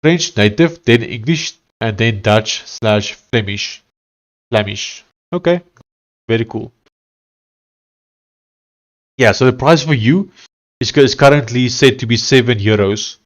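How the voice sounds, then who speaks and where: A little slow and given to long pauses, a medium-pitched developer from South Africa codes live for his stream viewers. With a heavy Afrikaans accent, he chats casually and thinks out loud, full of fillers and restarts.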